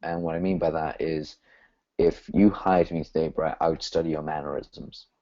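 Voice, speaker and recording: A man talking as a copywriter guest in a casual interview, animated and lively. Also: rumbling low, normal speed, dull audio. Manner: animated, swings into voices when quoting.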